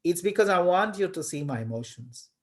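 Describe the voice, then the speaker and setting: Hombre profesor que da clase en línea, voz algo aguda. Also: male voice, high voice, animated, brisk. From India. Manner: fillers and repeated words, emphatic. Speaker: college lecturer. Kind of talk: online lecture. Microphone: webcam on video call.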